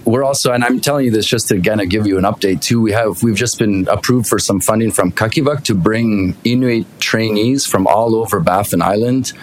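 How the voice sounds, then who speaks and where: A man's voice: fairly low pitch, slight background noise, low-quality recording. A man giving an informal, conversational presentation at a council meeting as a festival delegate. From Iqaluit, Nunavut, Canada. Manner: conversational, explanatory. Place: city council meeting room, at witness table. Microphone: table microphone with push button.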